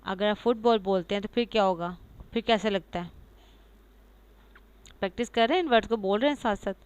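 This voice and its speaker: A woman giving a pronunciation lecture, explaining patiently, reading English lines slowly and repeating example words. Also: medium pitch, smooth. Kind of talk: lecture mixing Urdu and English.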